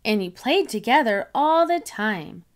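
A woman's voice: fairly high pitch, big pitch swings, a little slow. Woman reading as a kind mother pig. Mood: fond. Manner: gentle, explaining.

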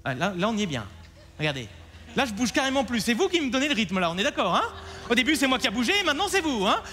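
A man's voice: very high-pitched, sing-song, fast, pushed and bright, faint music behind. A man performing as a mentalist on stage, coaxing and directing a volunteer in a theatrical, commanding way, in a live theatre with long reverb.

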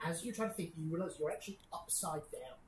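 A woman running a tabletop game as game master, improvising description in a halting way. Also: deep voice, expressive. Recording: roomy echo, clear background noise.

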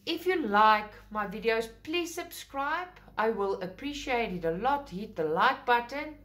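Seated at a table indoors with an overhead camera, this enthusiastic craft vlogger, a South African whose first language is Afrikaans, chats her way through an unboxing. Her voice is on the high side, a bit bright and a little slow, with lively intonation, and she rambles, correcting herself as she goes.

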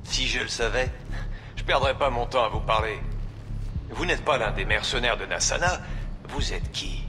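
A man's voice: medium pitch, normal speed, lightly acted. A man playing a defiant mercenary soldier in a sci-fi video game, answering curtly. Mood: curt defiance. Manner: curt, defiant. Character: defiant male mercenary foot soldier in armour. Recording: game audio under loud music.

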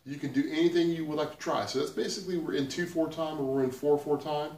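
A man teaching guitar in a relaxed, chatty manner, counting along as he plays. His voice sits in the middle range and comes from a little way off the mic, in a roomy space. Loud guitar rings out around him. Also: fairly high pitch, fast talker, far from the mic. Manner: relaxed, counts beats aloud while playing. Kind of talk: instructional demonstration. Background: loud guitar playing.

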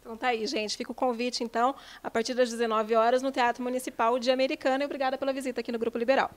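A woman's voice: on the high side, level tone, racing. A young Brazilian woman hosting a TV interview with an upbeat presenter delivery, holding a handheld mic in an office. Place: office with bookshelves, indoors.

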